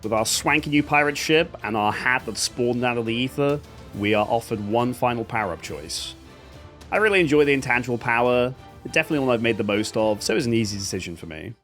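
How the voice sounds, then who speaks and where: Talking quickly over music, a man narrates a game he has finished with sarcastic, comic commentary. His medium-pitched voice is animated and wry as the gaming host mocks the game and laughs at it.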